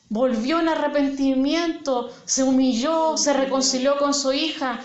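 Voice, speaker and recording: A woman preaching a sermon in a church, speaking earnestly and addressing listeners as sister. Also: sits high. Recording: echoey church hall, dull sound, congregation.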